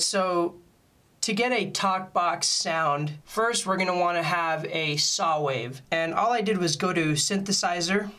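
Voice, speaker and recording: In an informal, step-by-step tutorial on music gear, a man explains every point in plain terms. He has a bright, forward-edged voice that runs a little high for a man.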